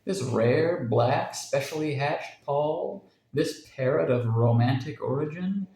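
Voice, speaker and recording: A man's voice: fairly high pitch, animated, slow, mellow, roomy sound, rough recording. Man reading as an eager young husband. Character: excited young husband, cheerful then shaken.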